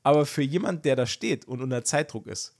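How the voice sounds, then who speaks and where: A man's voice: medium pitch, animated, fairly quick, creaky, a little mellow, no echo, studio quality. A young man co-hosting a casual podcast chat, telling a story with lots of energy and acting out the dialogue. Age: young adult. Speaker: podcast co-host.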